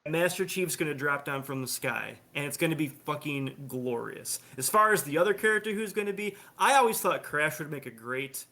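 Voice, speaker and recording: Bright-voiced enthusiastic gaming podcaster man. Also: on the high side, expressive, brisk, hardly any pauses. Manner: enthusiastic, emphatic, jokingly combative. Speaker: podcast co-host. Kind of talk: casual gaming podcast banter.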